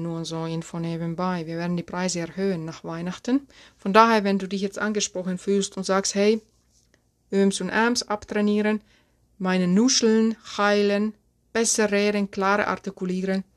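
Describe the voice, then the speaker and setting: Lively Finnish-accented woman podcaster. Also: moderate pace. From Finland. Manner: lively, plays with pitch and tempo, chatty and self-mocking. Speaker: podcast host and speaking coach. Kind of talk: solo podcast with voice tips.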